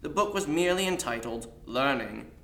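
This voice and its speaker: A man reading a fantasy story aloud in a measured storytelling manner. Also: mid-range voice, expressive, creaky, sharp tone. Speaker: story reader. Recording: echoey room.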